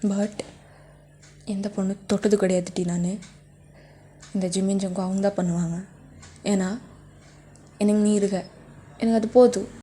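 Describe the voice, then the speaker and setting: A woman's voice: medium pitch, fairly even intonation, normal speed, pauses often, mellow, slight background noise, close to an everyday voice. A woman voicing a possessive, jealous young husband who pleads and threatens, in a fanfic story reading. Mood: pleading. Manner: intense, pleading then menacing.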